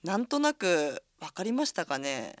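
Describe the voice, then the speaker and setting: A woman's voice: fairly low pitch, sing-song, unhurried, no room sound, studio quality. A woman teaching Chinese pronunciation on a radio lesson, explaining each phrase step by step.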